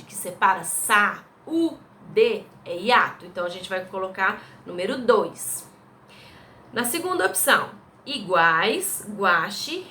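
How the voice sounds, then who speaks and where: A Brazilian woman teacher walks young pupils through their exercises one step at a time, checking in with them as she goes. Her voice is bright and clear and sits at an ordinary pitch. Faint background noise runs under the recording. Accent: Brazilian Portuguese. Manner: patient, explains step by step, checks in with "tá?" and "né?". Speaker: primary school teacher. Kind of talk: recorded remote class going over exercise answers.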